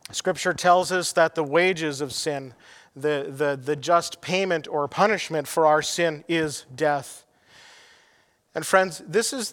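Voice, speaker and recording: A man's voice: high voice, fairly bright tone, in a large hall. A middle-aged man preaching a sermon as pastor, earnest and emphatic, telling anecdotes.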